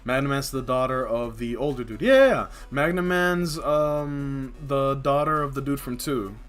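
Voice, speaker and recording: A man's voice: medium pitch, normal speed, fairly bright tone. A man streaming a video game, chatting casually with his viewers, rambling and laughing often. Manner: rambling, laughs often, lots of filler words. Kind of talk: casual live-stream chat while gaming.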